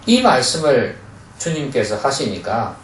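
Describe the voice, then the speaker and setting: A man's voice: medium pitch, very animated, measured pace, a little hiss or hum. A male pastor preaching a sermon in a church, earnestly putting questions to the congregation. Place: church sanctuary. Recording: echoey church hall, mic far off.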